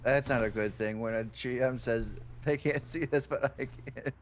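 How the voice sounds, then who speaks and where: A man's voice: mid-range voice, moderate pace. A man chatting casually as a player in a tabletop game. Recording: faint noise, clicks and typing.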